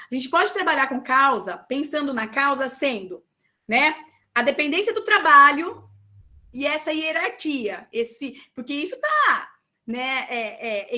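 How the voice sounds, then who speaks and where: A woman teacher giving an exam-prep lesson, talking loudly and emphatically and checking in with her students again and again. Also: high voice. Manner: loud, emphatic, full of "tá?" and "né?" checks.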